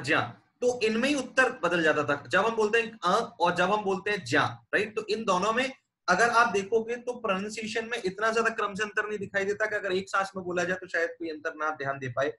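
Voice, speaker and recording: A man's voice: high voice, brisk, bright, forceful tone. A man from India teaching a lecture, patiently explaining and demonstrating sounds aloud. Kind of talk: classroom lecture.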